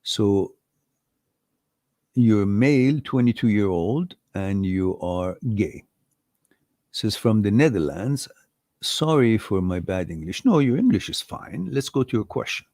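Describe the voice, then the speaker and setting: With a fairly low, mellow voice and big pitch swings, a man speaks slowly while hosting a live Q&A. He reads viewer messages, repeats and builds his ideas step by step in a thoughtful way, and chuckles at mix-ups. The sound is clean studio audio without echo.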